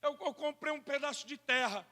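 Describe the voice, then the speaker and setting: A male pastor with a Brazilian Portuguese accent, preaching an animated sermon and acting out people's excuses in quoted voices. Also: extremely high pitch, brisk.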